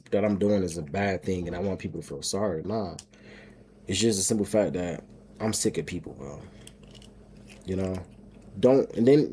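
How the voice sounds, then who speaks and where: A man's voice: on the low side, mellow, a little hiss or hum. A middle-aged man venting in a rambling, profane vlog monologue, stumbling and repeating his words. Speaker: homestead vlogger and single dad.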